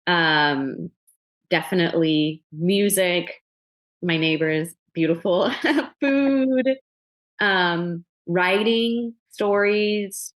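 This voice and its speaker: Young woman, from Ethiopia, therapist guest, lowish pitch, hesitant, thoughtful, video call. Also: very slow. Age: young adult. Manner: thoughtful, hesitant, many restarts and fillers. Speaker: psychotherapist guest. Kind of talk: casual video interview.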